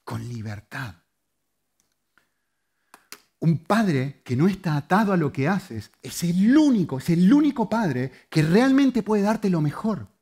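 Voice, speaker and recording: A man preaching a sermon, moving between loud, emphatic lines and soft, hushed ones. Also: high-pitched, sing-song, measured pace, few pauses, breathy edge. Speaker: pastor.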